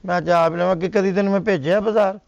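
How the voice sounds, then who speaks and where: A man's voice: high voice, steady tone, quick pace, gravelly, darkish tone, dry recording. A man with a Punjabi accent acting a whiny husband who keeps complaining he is sick, in a comedy sketch. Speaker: comic actor as a lazy husband. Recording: dull lo-fi sound.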